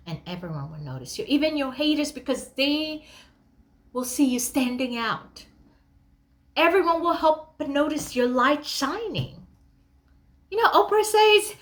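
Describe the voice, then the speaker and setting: High-voiced and fairly bright, a woman from Kenya delivers a motivational talk straight to her listeners, emphatic and conversational, posing rhetorical questions.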